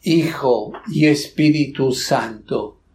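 A man leading Mass as a priest, reciting liturgical prayers in a solemn, measured manner. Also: medium pitch, vocal fry, a little mellow, a little hiss or hum. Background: congregation voices.

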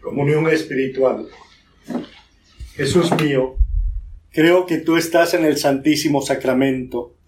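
A man reciting a devotional prayer in a solemn, deliberate manner. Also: on the high side, darkish tone.

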